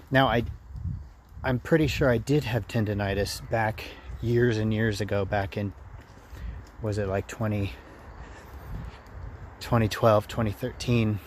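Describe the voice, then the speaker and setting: Low-voiced man vlogging over background noise. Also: darkish tone. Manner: reflective, halting, repeats phrases. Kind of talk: casual personal vlog monologue.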